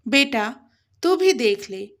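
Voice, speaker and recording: A woman's voice: fairly high pitch, animated, slow, a bit bright, exaggerated voice. A woman voicing a stern old mother-in-law. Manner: harsh, stern.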